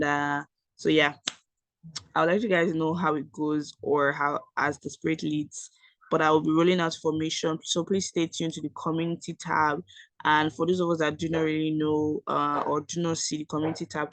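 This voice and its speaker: A Nigerian woman who speaks Yoruba at home gives a chatty screen-share tutorial as an education YouTuber, with many fillers and self-corrections. Her voice is deep yet fairly bright, with no room sound.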